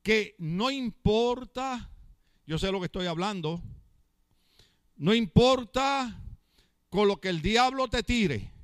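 High-voiced preaching pastor, shouting. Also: male voice, animated, slow, long pauses, dry recording. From Latin America. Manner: shouts and drags out words for emphasis, asks the congregation questions, jokes. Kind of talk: lively Pentecostal-style sermon. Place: church.

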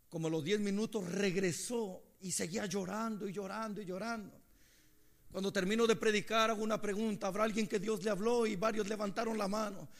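A man preaching a sermon, moving between hushed storytelling and impassioned shouting. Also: fairly high pitch.

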